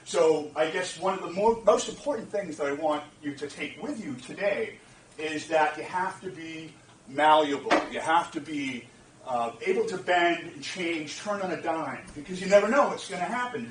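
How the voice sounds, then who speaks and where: A man's voice: on the high side, animated, moderate pace. A man in his forties from the Boston area, giving an informal, rambling talk to students as a guest speaker, with frequent restarts and asides to the audience. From Boston area, USA. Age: 40s. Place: lecture room. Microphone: far 360 camera. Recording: echoey room, distant mic, faint background hum.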